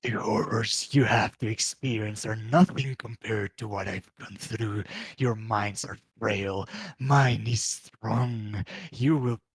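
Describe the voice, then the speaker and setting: A menacing demon played by a man at a gaming table speaks with great slowness in a lowish register. It is proud and bitter, each boast delivered as an ominous threat. The sound is close and dry. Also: creaky, breathy edge, no room sound, full character voice. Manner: slow, ominous, boastful declarations.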